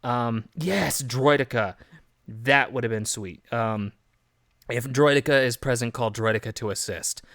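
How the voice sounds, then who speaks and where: A man's voice: medium pitch, a little slow, a bit bright, dry recording, studio quality. A man chatting casually as a gaming streamer, rambling with many fillers and restarts. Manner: laughs easily. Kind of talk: casual game commentary.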